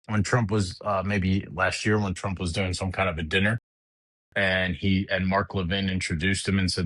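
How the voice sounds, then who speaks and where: Blunt, profane man with a very low voice. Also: a bit bright, dry recording, rough recording. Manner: blunt, profane, heated, restarts a lot. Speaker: podcast host. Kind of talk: casual political rant.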